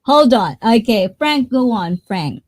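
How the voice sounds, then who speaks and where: A woman's voice: a little high, big pitch swings, measured pace, no room sound. A woman hosting and moderating a casual live group chat.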